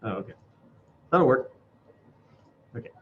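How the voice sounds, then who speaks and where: A man teaching an informal classroom software demonstration, speaking haltingly through a face mask and thinking aloud as he goes. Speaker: instructor. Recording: dull lo-fi sound, faint background noise.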